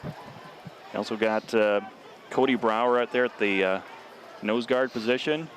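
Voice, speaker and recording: Steady local football play-by-play man. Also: medium pitch, unhurried, a little hiss or hum. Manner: steady, rises sharply on scoring plays. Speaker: play-by-play announcer.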